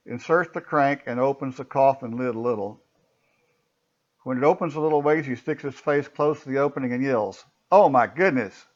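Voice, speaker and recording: A man's voice: medium pitch, muffled recording. A man narrating a story in a plain, matter-of-fact reading voice.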